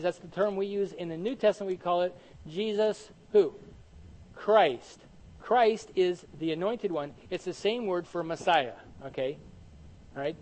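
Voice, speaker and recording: High-voiced animated preacher man. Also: rough recording. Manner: animated, asks the audience questions and answers them. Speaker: pastor teaching Bible study. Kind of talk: sermon.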